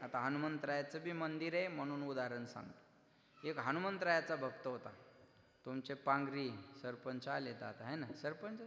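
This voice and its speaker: A man preaching a kirtan sermon, loudly declaiming, acting out dialogue and breaking into sung verses. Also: medium pitch, moderate pace, gravelly, a little hiss or hum. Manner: loud, declaiming, acts out dialogue, breaks into song. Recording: echoey hall with music.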